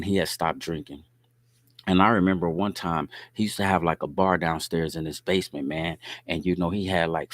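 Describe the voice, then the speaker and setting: A very deep-voiced middle-aged man from Indianapolis hosts his podcast and tells stories in a relaxed, streetwise way. He keeps checking in with his listeners, and his voice is recorded close and dry with no room sound. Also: dry recording. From Indianapolis, USA. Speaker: podcast host. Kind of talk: casual storytelling talk.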